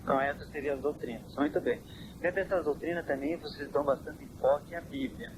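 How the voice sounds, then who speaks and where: Priest interviewer on worn tape. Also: male voice, on the high side, fast talker. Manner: calm, questioning. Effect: old worn cassette tape. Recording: hissy worn cassette tape.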